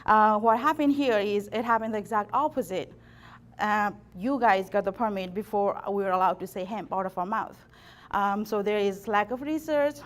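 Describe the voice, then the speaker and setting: A woman's voice: medium pitch, normal speed. A woman, an extension plant pathologist from Nepal giving a workshop talk with dry self-deprecating humor and frequent restarts. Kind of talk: workshop presentation.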